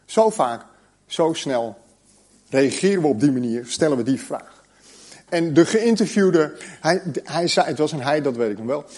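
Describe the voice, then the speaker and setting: A man preaching a sermon and reading scripture aloud, slowing down and pausing on key words. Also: a little high, expressive, darkish tone.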